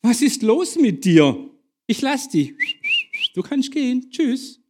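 A man's voice: very high-pitched, sing-song, takes it slowly, noisy background, voice pushed up, full character voice. A preacher voicing an impatient male police officer who urges a prisoner to leave. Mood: exasperated.

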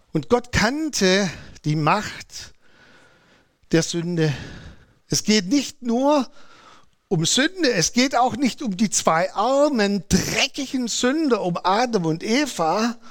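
A middle-aged male pastor preaching a sermon in a lively, conversational way, acting out short quotes. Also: sits high.

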